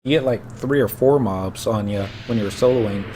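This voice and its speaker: A man's voice: on the low side, moderate pace, darkish tone, slight background noise. A man giving casual, rambling commentary while he plays a video game, telling old stories from the game. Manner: rambling, anecdotal storytelling. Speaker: gameplay streamer.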